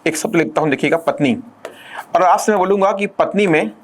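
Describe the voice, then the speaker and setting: A male teacher giving an exam-prep lecture who keeps asking the class rhetorical questions and slows down to dictate definitions. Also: high-pitched, a little hiss or hum.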